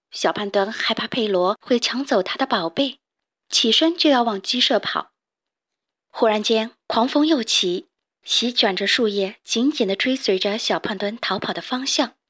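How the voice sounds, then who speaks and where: A woman reading a children's storybook aloud as narrator, in a gentle, expressive manner. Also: a little high.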